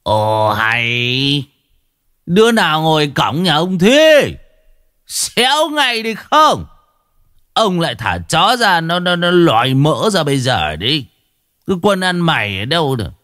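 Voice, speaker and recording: A man playing a bad-tempered older village official who shouts and blusters threats. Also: on the high side, sing-song, slow, voice pushed up, exaggerated voice. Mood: blustering.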